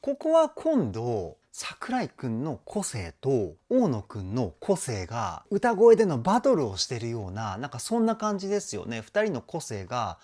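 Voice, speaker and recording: Male vocal coach doing a song reaction and breakdown, enthusiastic and explanatory, wildly swinging pitch. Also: huge pitch swings, moderate pace, few pauses, a little mellow. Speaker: vocal trainer.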